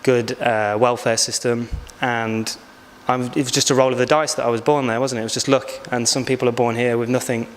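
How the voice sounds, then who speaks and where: A man's voice: medium pitch, flat delivery, a little hiss or hum. Guy in his 20s, thoughtful, lots of ums, sounds like a big echoey hall. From England. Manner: reflective, unhurried, hesitant with many fillers. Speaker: backpacker interviewee. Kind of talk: casual interview answers. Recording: long hall reverb.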